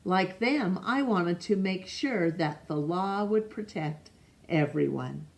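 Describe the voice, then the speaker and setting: A woman with a low, creaky voice reads a picture book aloud to children at storytime. She goes slowly and gently, pausing to ask the listener questions, and sometimes stumbles over a name and reads it again.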